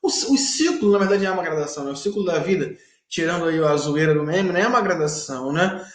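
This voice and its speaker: A man's voice: a little high, lively intonation, quick pace, reverberant. A male teacher giving a recorded online class in a chatty way, often ending phrases with rhetorical tags.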